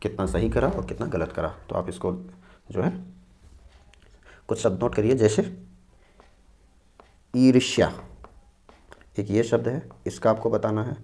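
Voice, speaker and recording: A man with a slightly low voice teaching an exam-prep Hindi spelling lesson. He repeats each word patiently and walks through it step by step. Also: warm tone. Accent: North Indian Hindi. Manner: explains slowly, repeating each word and saying "dekhiye" and "theek hai".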